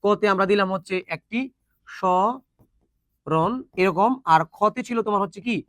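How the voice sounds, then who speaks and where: A man's voice: high voice, quick pace, fairly bright tone, no room sound, clean studio sound. A man teaching an online exam-prep lesson, drilling pronunciation in colloquial speech with joking asides.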